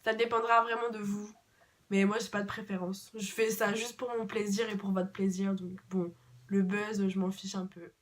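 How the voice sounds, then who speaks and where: A woman's voice: mid-range voice, little pitch movement, normal speed. A young woman from France answering viewer questions in a casual vlog, chatty and repeating words for emphasis. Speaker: vlogger. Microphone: camera mic.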